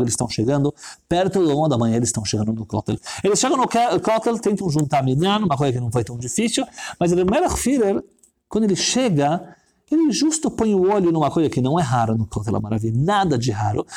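Religious storyteller, man, slightly high voice, animated suspense-building delivery.

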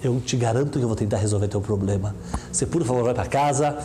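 A man's voice: medium pitch, fast, mellow, a little hiss or hum, lightly acted. A man voicing a weary older rabbi who patiently pleads to be left to sleep.

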